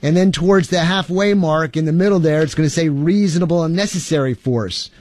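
Male instructor, talks straight to camera, a bit higher voice, dry recording, lecture delivery. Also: fairly quick, darkish tone, dry recording. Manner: reads statutes aloud with asides. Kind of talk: instructional lecture with legal readings. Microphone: facing camera.

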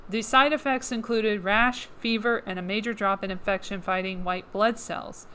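A woman hosting a podcast reads news articles aloud, slipping in sarcastic asides between passages as her voice wears down and fades. Her pitch is medium and intonation fairly even, at normal speed with a fairly bright tone and a little hiss or hum.

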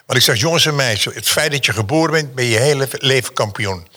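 A man's voice: mid-range voice, quick pace, bright, forceful tone. A man, a painter, telling stories as an interview guest, theatrical and emphatic, repeating phrases for effect. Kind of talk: animated storytelling in an interview.

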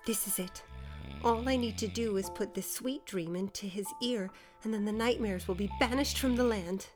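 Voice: mid-range voice, moderate pace, over music, pitched above the performer's own voice, lightly acted. A storyteller voicing a young female unicorn, earnest, fretful and self-doubting, in a fantasy audio story. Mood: hopeful.

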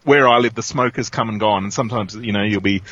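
A man's voice: lowish voice, fast, fairly bright tone. An Australian man chatting casually and wryly as a podcast co-host, sitting in a car with rain falling on it. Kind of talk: casual chat. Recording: slightly dull, close car-interior sound.

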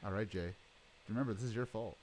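A man's voice: fairly low pitch, quick pace, crowd noise, rough recording. A man hosting a casual group chat, teasing his friends and stalling playfully. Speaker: podcast host.

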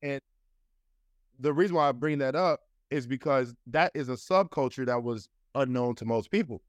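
Talking at a normal pace in a medium-pitched voice, this thirty-something man rambles loosely as a casual interview guest, leaning on fillers like "like" and "you know." The recording has no echo.

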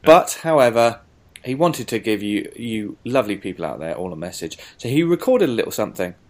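A man's voice: on the low side, very animated, brisk, darkish tone. A British man hosting a podcast, mixing scripted introduction with casual chat in a jokey, theatrical way. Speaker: podcast host.

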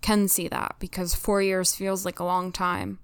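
Smooth-voiced woman chatting casually. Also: fairly low pitch, level tone, unhurried, no echo, studio quality. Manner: conversational and reflective, many "like"s. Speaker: podcast co-host. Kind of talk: casual discussion of a TV episode.

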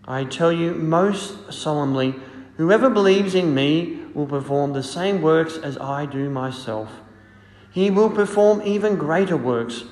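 A man speaking as a priest, reading scripture and preaching in a solemn, measured way in an echoing church. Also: a little high, a little mellow. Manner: solemn, measured, deliberate phrasing. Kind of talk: liturgical reading and homily. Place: large reverberant church. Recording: echoey church with long cathedral-like reverb.

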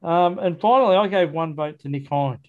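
A man's voice: fairly high pitch, moderate pace, narrow, tinny audio. An Australian man hosting a casual football podcast, talking in a matey, colloquial, blokey way. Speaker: sports podcast host. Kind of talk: casual football chat, match review.

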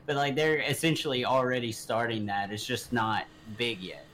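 A man's voice: mid-range voice, steady tone, moderate pace, a bit bright, a little hiss or hum. A young American man chatting casually as a podcast co-host, joking in frat-bro slang. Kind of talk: casual chat.

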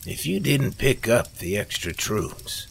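A man's voice: mid-range voice, very animated, gravelly, slight background noise, voice pushed up, full character voice. A man voicing a cackling, treacherous male villain who gloats and mocks. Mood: gloating. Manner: mocking, boastful, quick to shout.

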